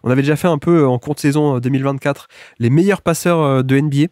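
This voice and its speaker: A man hosting a casual podcast, sounding congested and a little gravelly from a cold. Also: medium pitch, fast talker, darkish tone, dry recording, clean studio sound. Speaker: podcast host.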